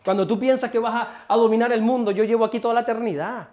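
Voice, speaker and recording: A man from Spain voicing God as an amused, chiding heavenly father, with a low, hushed, mocking tone. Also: fairly even intonation, quick pace, highs cut off. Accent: Spain Spanish.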